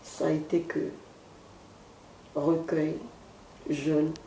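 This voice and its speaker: Woman in her thirties, gravelly and unhurried, solemn gospel-singer testimony, roomy room with chatter behind. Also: deep voice, little pitch movement. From Côte d'Ivoire. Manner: slow, solemn, devotional phrasing. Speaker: gospel singer, interview guest. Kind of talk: earnest testimony in an interview. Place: her home in France.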